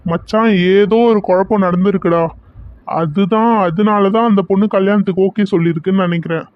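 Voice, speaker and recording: A man voicing a calm, level-headed young brother in a cartoon serial, reasoning things through. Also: high voice, no room sound, close to an everyday voice. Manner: reasoning, steady. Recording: dull lo-fi dry recording.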